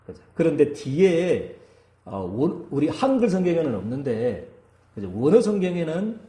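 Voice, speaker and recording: A male pastor delivers a sermon with a warm, mellow tone, and his pitch rises and falls in lively swings. He keeps turning to the congregation to ask them to agree. The sound carries with an echo, as in a church hall. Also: normal speed.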